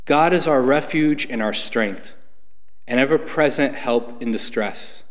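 A middle-aged man reading scripture and psalms aloud at Mass in a formal, deliberate way. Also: mid-range voice. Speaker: lay reader at Mass. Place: church sanctuary, standing at lectern. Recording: echoing church with long reverb.

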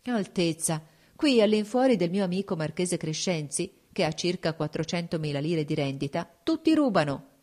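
A woman's voice: on the low side, animated, normal speed, hardly any pauses, darkish tone. A woman reading an audiobook, voicing a shrewd, composed court duchess who speaks frankly and persuasively.

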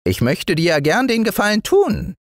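Forest dwarf, high thin voice, stern, scolding, very animated pitch, dry close sound. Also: male voice, normal speed, no echo. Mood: earnest. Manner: scolding, lively. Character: small gray male forest dwarf, stern but kindly. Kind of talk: storybook reading.

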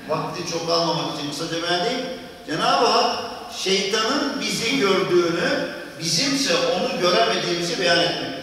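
A man's voice: sits high, bright, forceful tone. A man preaching a sermon at a pulpit microphone, quoting scripture in Arabic and explaining it. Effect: speaking at a pulpit microphone. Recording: echoey hall from far off, faint background noise.

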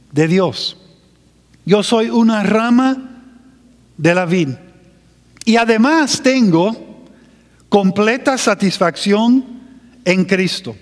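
A man preaching a sermon as pastor, slow and emphatic, drawing out his phrases. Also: high voice, in a large hall.

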